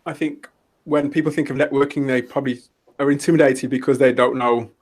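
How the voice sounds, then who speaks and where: A man's voice: mid-range voice, level tone, a little fast, slightly rough. A man with a mid-range voice hosts a casual podcast interview. He feels his way through long questions, stopping and restarting as he goes. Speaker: podcast host.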